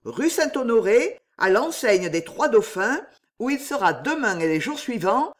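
A woman's voice: on the high side, very animated, unhurried, pitched above the performer's own voice. A woman reading as a fiery young cavalier. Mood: proud. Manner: vibrant, defiant.

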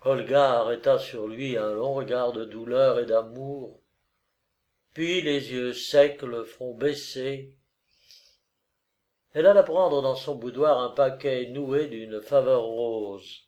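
A man reading a novel aloud in a measured, even manner. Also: medium pitch. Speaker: narrator. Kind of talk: scripted narration.

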